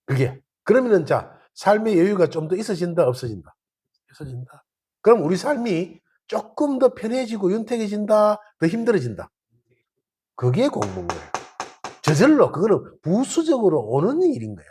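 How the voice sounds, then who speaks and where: Gyeongsang dharma teacher, husky, highly animated pitch, colloquial temple-hall talk. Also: normal speed. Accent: Gyeongsang Korean. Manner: colloquial, acts out little dialogues.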